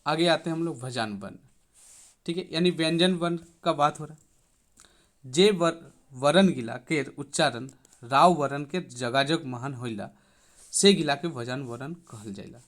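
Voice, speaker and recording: Male tutor with a slightly high voice, explaining language rules step by step for an exam-prep lesson and checking in constantly. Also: a bit bright. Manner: repeats "thik hai" after each point; reads out rules, then explains them slowly. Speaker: teacher.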